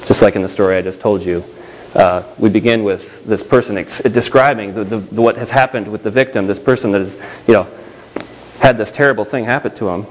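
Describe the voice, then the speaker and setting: A man preaching a sermon in a conversational, halting way, often restarting his sentences and adding asides. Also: on the low side, slight background noise, poor audio. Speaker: pastor.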